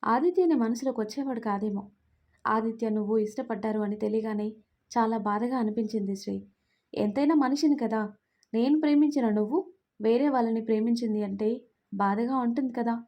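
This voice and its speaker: A woman's voice: a little high, a little fast, mellow. A woman voicing a young man in love, fond, pleading and playful, in a storybook reading.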